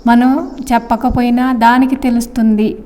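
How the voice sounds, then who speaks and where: A woman's voice: on the high side, little pitch movement, moderate pace, dark tone, lightly acted. A woman reading a story aloud, voicing a small girl who talks like a grown-up, with a long hall reverb. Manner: grown-up, matter-of-fact. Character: bossy little servant girl.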